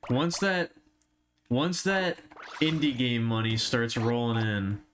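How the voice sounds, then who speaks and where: A man's voice: mid-range voice, fairly even intonation, slow. A young man chatting casually on a live stream as he plays, rambling through absurd jokes and tangents. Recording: noisy stream audio with clicks.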